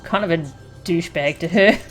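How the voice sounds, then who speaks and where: Over faint game music and video game audio, a woman streams her playthrough with casual, off-the-cuff commentary. Her voice is on the low side and fairly quick.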